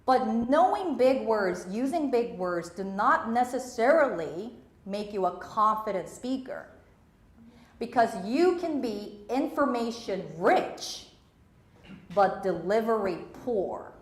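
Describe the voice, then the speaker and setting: A young Korean-born woman, raised in Malaysia and Singapore, delivers an emphatic motivational talk on stage, repeating her key phrases. Her voice sits a little high with a sing-song lilt, she takes her time, and the sound is roomy.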